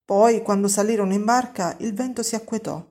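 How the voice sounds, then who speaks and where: A woman reading a Bible passage aloud during a church service, clear and measured. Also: medium pitch, a little mellow. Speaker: scripture reader.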